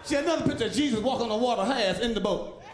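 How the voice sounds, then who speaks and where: A man with a strikingly high voice works a comedy club crowd, loud and animated as he acts out characters and shouts sound effects. The recording is echoey and noisy, with a roomful of laughter behind him. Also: racing. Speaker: stand-up comedian. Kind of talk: stand-up comedy set. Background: audience laughing.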